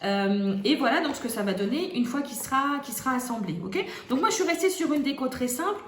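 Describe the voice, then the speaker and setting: A woman's voice: high-pitched, expressive, a little fast, reverberant. Chatty woman hosting a crafts tutorial. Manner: chatty, many hesitations and restarts.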